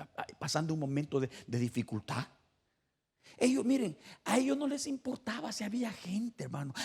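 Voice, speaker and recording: A male evangelical preacher with a husky, gravelly voice that sits fairly high. He swings between fervent shouts and near-whispered asides and hammers his points home through repetition. He delivers the sermon in a church. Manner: emphatic and repetitive.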